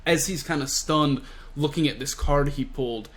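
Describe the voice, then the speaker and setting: A young man casually and excitedly recapping a manga chapter, full of slang and fillers. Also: fairly high pitch, normal speed, slight background noise. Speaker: manga reviewer.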